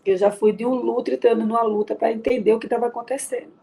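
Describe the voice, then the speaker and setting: Gravelly-voiced mother from Recife. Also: fairly high pitch, steady tone, fast talker. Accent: Brazilian Portuguese, Recife. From Recife, Brazil. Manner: quiet, heartfelt, faith-filled talk. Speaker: grieving mother, guest. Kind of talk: emotional interview.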